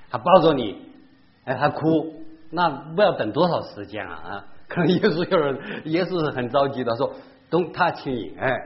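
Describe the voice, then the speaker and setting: Lively, animated man teaching Bible study. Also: medium pitch, dull audio, a little hiss or hum. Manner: animated, repeats himself, drops in English words. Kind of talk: casual Bible study lesson.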